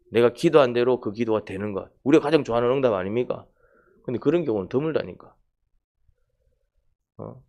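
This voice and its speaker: A man's voice: medium pitch, a little mellow. A middle-aged man, preaching a casual, conversational sermon and often asking the congregation questions. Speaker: pastor. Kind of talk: sermon at a Wednesday prayer meeting.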